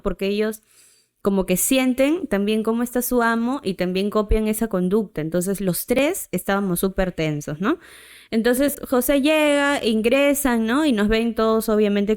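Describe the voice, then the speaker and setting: Woman, podcast host, smooth clear voice, fairly high, chatty storytelling. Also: darkish tone. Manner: chatty, tags sentences with "¿no?". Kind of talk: casual storytelling.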